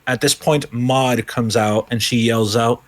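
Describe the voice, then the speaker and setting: A man's voice: medium pitch, steady tone, a little slow. A man running a tabletop game as game master, narrating loosely with many fillers.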